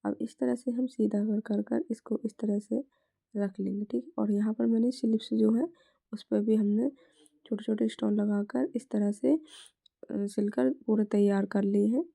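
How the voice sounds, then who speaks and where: A woman with a hoarse, sore throat, teaching a step-by-step sewing tutorial and repeating her stock phrases as she works. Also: medium pitch, fairly even intonation, measured pace, mellow. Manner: repeats "is tarah se" and "theek hai" constantly; drops to a whisper at times.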